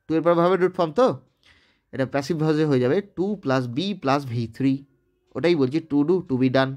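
A man with a Bengali accent from West Bengal, India, teaches English grammar in a recorded online lesson, voice on the high side and darkish in tone. He talks at a normal speed, proceeds step by step, and regularly checks his students' understanding.

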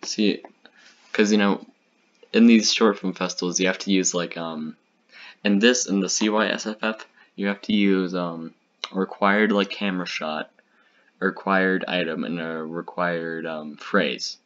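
A man's voice: deep voice, fairly even intonation, a little slow, fairly bright tone, muffled recording, slight background noise. A young man casually reacting to his old short films, chatty and rambling with lots of fillers.

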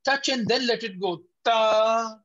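A man teaches a beginners' lesson over an online call, and his voice comes through a little dull and lo-fi. He is patient, repeats each sound slowly, and gently corrects his students as they go. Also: high voice. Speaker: Tajweed teacher. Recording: slightly dull lo-fi audio.

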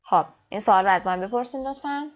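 A woman teacher with an Afghan Dari accent, explaining quickly and then saying example sentences slowly and carefully. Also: medium pitch, dull audio. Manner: rapid explanations, slow deliberate example sentences. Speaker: English teacher. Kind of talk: classroom language lesson.

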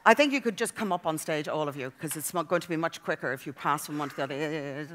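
A woman's voice: low voice, fast, fairly bright tone. A middle-aged woman, hosting a stage event informally and encouragingly. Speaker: event host. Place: large conference stage, indoors. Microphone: handheld microphone. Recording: echoey hall, audience and background noise.

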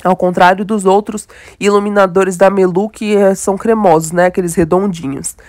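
With a Brazilian Portuguese accent and a congested, nasal voice from a cold, a young woman chats keenly to her audience in a casual makeup tutorial. Her medium-pitched voice is steady and darkish at a normal pace. She's a beauty vlogger, recorded in clean studio sound with no echo.

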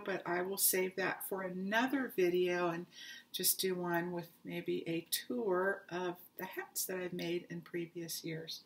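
A woman's voice: mid-range voice, fairly bright tone. A woman showing her yarn haul in a casual, chatty way, tired and with her voice fading, stumbling over her words now and then. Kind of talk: casual chat to camera.

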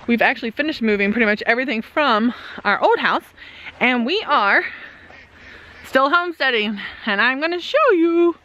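A homesteader vlogger in her thirties gives a casual outdoor farm tour, holding the camera at arm's length. Her high-pitched voice sounds pushed and bright, and she's chatty and explanatory with lots of "um"s. The highs are cut off.

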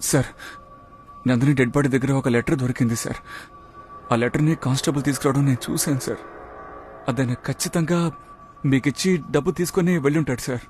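A man's voice: mid-range voice, fast talker, long pauses, darkish tone, natural voice. An actor playing a young male PT master who respectfully but firmly presses his boss for answers. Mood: insistent. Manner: insistent, pleading, repeats "sir". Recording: film soundtrack with music.

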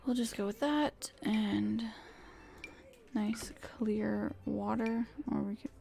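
Gravelly slow-talking woman streamer. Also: mid-range voice, steady tone, dark tone, soft background music. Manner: muttering to herself, frustrated sighs. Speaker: game streamer. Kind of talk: casual gameplay commentary.

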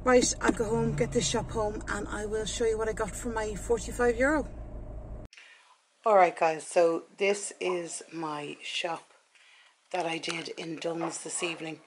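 This Irish woman in her forties speaks unhurriedly in a mid-range voice with fairly even intonation, casually and plainly describing her shopping in a vlog. Clips come from her home kitchen and from inside a car, and the audio carries clicks and clear background noise.

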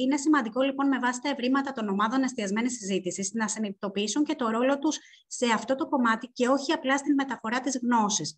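At an online seminar, a woman shares her research findings in a voice on the high side, speaking deliberately and pausing frequently.

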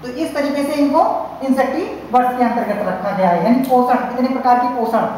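A woman's voice: a little high, a little fast, mellow. A woman teacher with a Hindi-speaking North Indian accent giving a classroom science lecture, explaining with many repeated fillers and restarts. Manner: repetitive, filler-heavy explaining with frequent restarts. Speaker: college teacher. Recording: very echoey hall, faint hiss.

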